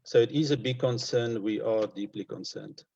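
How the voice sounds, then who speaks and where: A man with a Namibian accent speaking as a conservationist in an informal interview, in a hesitant, measured and concerned manner. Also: fairly low pitch, vocal fry, mellow, breathy edge. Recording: dull lo-fi online call audio.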